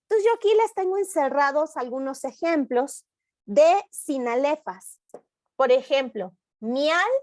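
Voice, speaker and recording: A woman teacher giving an online workshop lesson on poetry analysis over a video call, explaining patiently and reading poem lines aloud slowly. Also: sits high, expressive, darkish tone, no echo, clean studio sound.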